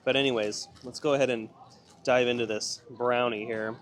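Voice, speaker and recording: A man's voice: medium pitch, steady tone, normal speed. A man hosting a casual theme park vlog outdoors at night, goofy and rambling. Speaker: vlog host.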